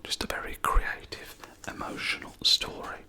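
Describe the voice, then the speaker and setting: In this clip, an adult ASMR creator gently whispers a review of the films they own, taking their time and often stopping on "um" or "yeah."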